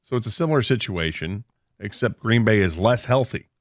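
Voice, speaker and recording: A man co-hosting a sports radio show breaks down a football game casually and analytically, making confident picks. His voice is fairly low and fairly quick with lively intonation, captured with studio quality and no room sound in a radio studio.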